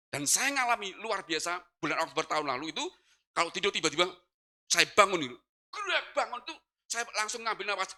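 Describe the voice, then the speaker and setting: A middle-aged man, preaching a sermon and telling a personal testimony in a lively, dramatic way. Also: high-pitched. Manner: animated storytelling, acting out gasps and cries. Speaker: pastor.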